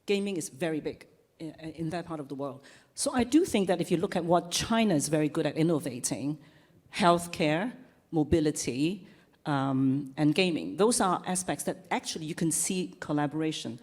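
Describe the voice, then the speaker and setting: A woman speaking as a conference panelist in a measured way, listing her points. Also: low-pitched, expressive, darkish tone, big-room sound. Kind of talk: panel discussion.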